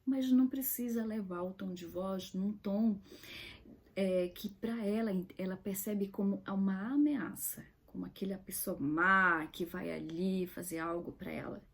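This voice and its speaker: A woman's voice: medium pitch, a little slow, vocal fry, breathy edge. A woman giving an earnest teaching talk, stressing key words and dropping to a whisper now and then. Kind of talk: direct-to-camera teaching talk.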